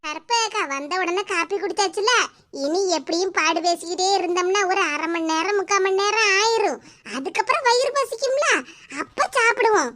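A woman's voice: extremely high pitch, expressive, normal speed, bright, forceful tone, slight background noise, heavily acted. A woman voicing a chatty older mother-in-law in a cartoon, with a Kanyakumari Tamil accent. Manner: chatty, reassuring.

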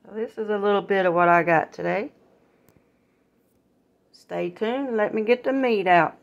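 An older woman chatting casually through her grocery haul at home, homely and relaxed, addressing viewers as y'all, recorded on a phone in her kitchen. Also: mid-range voice, unhurried, creaky, dull audio. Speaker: vlogger.

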